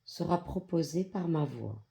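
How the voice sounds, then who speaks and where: A gravelly, medium-pitched androgynous voice leads a yoga nidra session, extremely mellow and relaxed, speaking slowly and calmly. Brief, soothing instructions arrive in measured phrases with generous pauses between them, in the style of a guided meditation with soft instructional narration.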